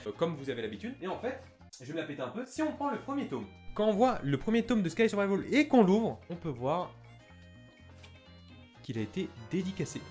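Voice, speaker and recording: A young man giving an enthusiastic, chatty vlog tour of his shelves, with fillers and laughs. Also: on the high side. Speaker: YouTuber showing his manga collection.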